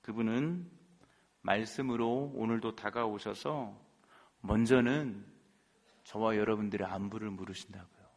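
A man's voice: on the low side, a little slow. A man preaching a sermon as pastor, earnestly speaking straight to his congregation. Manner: earnest, addresses the congregation directly. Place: church sanctuary. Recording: long reverb in a large hall, with faint music.

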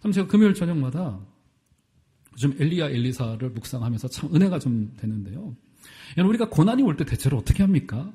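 Lively, mellow-voiced male pastor preaching. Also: fairly high pitch, quick pace. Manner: rhetorical questions to the congregation, swings between loud and soft. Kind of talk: sermon.

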